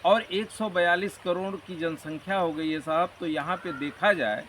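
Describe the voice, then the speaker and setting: Man, higher-pitched, earnest motivational talker, recorded a bit off-mic with faint hiss. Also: moderate pace, fairly bright tone. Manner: earnest, motivational, rambling explanations. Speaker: interview guest. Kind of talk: conversational interview. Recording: distant mic with faint background noise.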